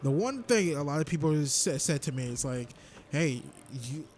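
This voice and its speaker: A man from Texas giving rambling, casual let's-play commentary with sudden excited outbursts. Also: fairly high pitch, fairly quick, soft background music. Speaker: gameplay commentator.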